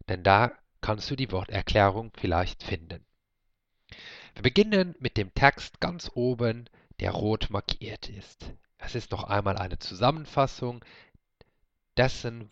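Male teacher, low voice, unhurried read-aloud for learners, dry close recording. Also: a bit bright, no room sound, highs cut off. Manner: slow, explaining. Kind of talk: reading a book aloud for learners.

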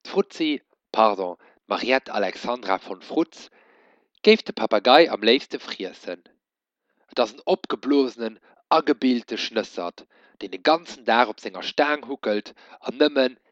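A man reading a children's story aloud in an expressive storytelling manner. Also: mid-range voice, unhurried, no echo. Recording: dull dry lo-fi recording.

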